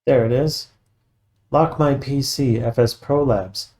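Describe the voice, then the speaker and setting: A man's voice: medium pitch, takes it slowly, darkish tone. A man working as a computer repair technician talks through a casual tech walkthrough, methodical and matter-of-fact, thinking aloud as he goes.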